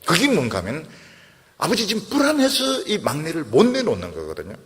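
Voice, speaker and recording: Middle-aged male pastor, very animated sermon delivery, acting out dialogue, long church-hall reverb. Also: on the high side, a little fast.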